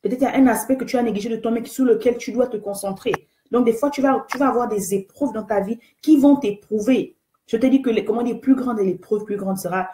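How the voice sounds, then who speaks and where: A woman's voice: on the high side, warm tone, slight background noise. Woman giving an earnest faith talk, echoey room. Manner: earnest and exhortative, repeats key phrases, greets viewers by name. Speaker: host of an online faith talk show. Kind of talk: live-streamed motivational faith talk.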